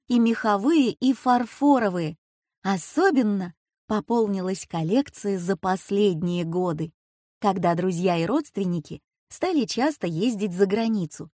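A woman reading a children's story aloud as narrator, in an even, measured voice of middle pitch. The sound is dry and close to the mic, with no room echo.

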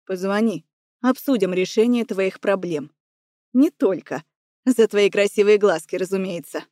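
Woman doing a deep velvety ex-husband guy, slow and smooth, coolly pushy, audiobook vibe. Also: mellow, no echo, clean studio sound, natural voice. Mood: seductive. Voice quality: low, velvety voice. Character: commanding, seductive male ex-husband and tycoon. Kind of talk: audiobook character voice.

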